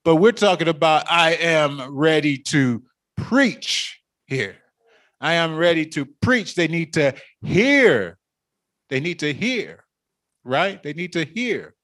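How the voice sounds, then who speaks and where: A male preacher delivering a sermon, repeating phrases and asking "right?", rising from quiet musing to loud exhortation. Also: fairly high pitch, no room sound, studio quality. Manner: repetitive call-and-response phrasing with frequent "right?".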